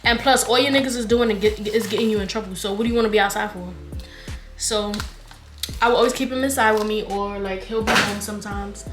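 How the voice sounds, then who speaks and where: A woman's voice: mid-range voice, fairly quick, reverberant, soft background music. A woman in her twenties, a vlogger telling a story in casual, slangy chat and acting out the dialogue. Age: 20s. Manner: animated, slangy, retelling with quoted dialogue.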